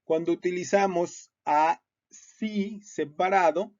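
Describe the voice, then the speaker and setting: A man's voice: high voice, slow pace, darkish tone. A man gives an explanatory lecture on legal writing, patient and repetitive, with frequent hesitations. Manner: patient, repeats points with many hesitations. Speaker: teacher. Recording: muffled lo-fi audio.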